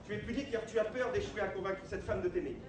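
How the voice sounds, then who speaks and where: A grandiose, fervent knight acted by a man declaims with hammy stage flourish in a high-pitched voice. He is recorded live from a distance, with plenty of echo. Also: quick pace, lightly acted. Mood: scolding, declamatory. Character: grandiose, lovesick, fervent knight Don Quixote. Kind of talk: theatrical stage acting. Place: live theatre show, far from mic. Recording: distant, echoey, noisy live performance recording.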